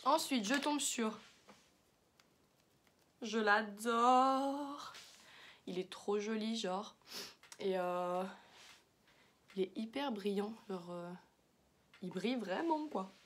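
A woman's voice: mid-range voice, slow pace, pauses often, a bit bright. A young woman chatting casually through a makeup haul, with many fillers and slang words. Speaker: beauty vlogger.

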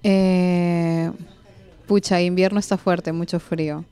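Hosting a playful, informal live radio chat, a Peruvian-accented woman in her twenties speaks into a boom-mounted studio mic in a small indoor studio. Her voice is low-ish, mellow, and smooth, with a flat, slow delivery.

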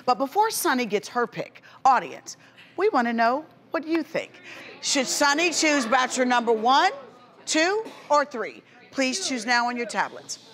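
A middle-aged American woman hosting a dating show, announcing names and reveals with drawn-out emphasis to a studio audience. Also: high voice, big pitch swings. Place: large TV studio with live audience. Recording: studio with music and audience noise. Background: music and audience applause.

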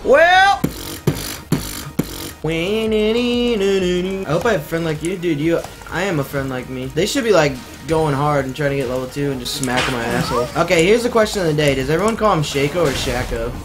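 A male streamer giving live gameplay commentary, excitable and slangy, swearing often and breaking into sudden yelps. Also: fairly high pitch, normal speed, over music.

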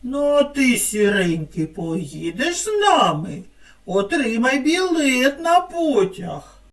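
A woman speech therapist narrating a scripted children's lesson in an expressive teacher's tone. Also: high voice, recorded from a distance. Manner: slow, lively, expressive teacher tone.

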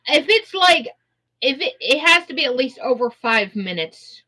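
A woman's voice: high voice, big pitch swings, moderate pace, sharp tone. A woman co-hosting a casual chat with sassy, jokey, mock-attitude banter. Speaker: co-host.

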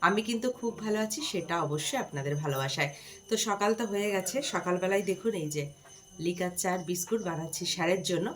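A woman's voice: on the low side, quick pace, slight background noise. A woman, narrating a casual daily-life vlog from her home kitchen and chatting viewers through her chores.

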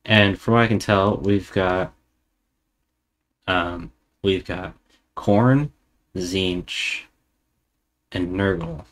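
A man's voice: deep voice, extremely slow, long pauses, fairly bright tone. A man streamer giving casual reaction commentary, musing and thinking aloud as he goes. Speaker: streamer reacting to a lore video.

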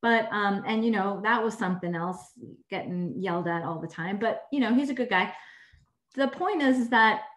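A woman's voice: mid-range voice, normal speed. Rambling woman on an echoey video call. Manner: warm, rambling, self-correcting. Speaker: clinical instructor and surgeon. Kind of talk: casual talk to students on a video call.

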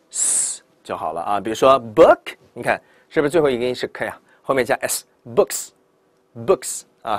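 Lively man teaching English sounds. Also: mid-range voice, no room sound. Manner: lively teacher, models English words slowly and stretched; asks rhetorical checks like "right?" and "对不对". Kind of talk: classroom lesson, explaining and drilling words.

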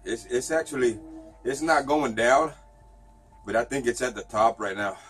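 A man's voice: medium pitch, moderate pace, a bit bright, faint music behind. A middle-aged man chatting casually to camera while his mouth and throat burn from spicy food. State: mouth and throat burning from hot pepper. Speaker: pepper challenge host. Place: outdoors in a front yard. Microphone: camera a few feet away.

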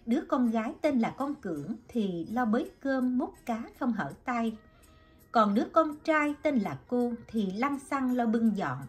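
A woman reading a story aloud as an audiobook narrator with an expressive delivery. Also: on the high side, measured pace, soft background music. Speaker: audiobook reader.

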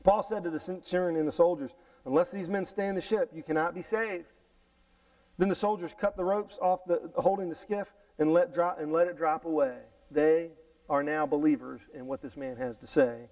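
Reading scripture aloud and then unpacking it, a middle-aged pastor preaches indoors from the stage of a church sanctuary. He speaks at a moderate pace in a fairly high voice through a headset mic, animated but prone to restarts and repeated words, with a slightly distant room sound.

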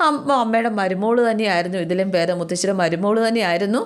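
A proud young woman near tears, as a woman narrator plays her, complaining in halting, broken phrases. She sounds hurt and defiant at once. The pitch stays in an ordinary middle range. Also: lightly acted. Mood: tearful.

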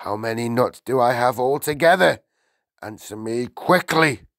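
A man voicing an enormous tyrannical headmistress in a storybook, with a booming, barking delivery, menacing and full of contempt. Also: a little slow, fairly bright tone, no echo, clean studio sound. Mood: furious. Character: enormous tyrannical headmistress, a bellowing, insulting bully woman.

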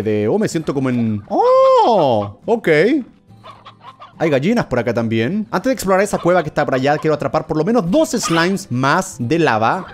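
A young man giving excitable let's-play commentary, yelping, gasping and talking to the creatures in the game. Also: a little high. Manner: excitable, yelps and gasps, talks to game creatures. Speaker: gaming video host.

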